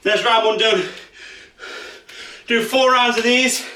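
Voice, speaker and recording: A man's voice: extremely high pitch, steady tone, takes it slowly, bright, forceful tone. Breathless man coaching a workout. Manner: urgent encouragement and countdowns while exercising. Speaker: fitness instructor. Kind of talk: follow-along workout coaching. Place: small space at home. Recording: echoey room, far from mic.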